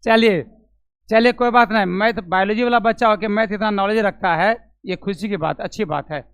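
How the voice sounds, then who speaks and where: A man's voice: high-pitched, fairly quick, a bit bright, smooth, dry recording. A man teaching physics to a classroom of students, questioning them, repeating each step aloud and calling on them by name, with a Bihari Hindi accent. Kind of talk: classroom lecture.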